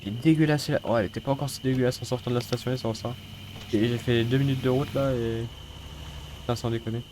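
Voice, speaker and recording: Stuffy-nosed and sniffly from a cold, this let's-play host grumbles jokingly and swears casually as he plays. He talks fast in a steady, slightly mellow mid-range voice, while a game car engine and mechanical rattling make the recording noisy.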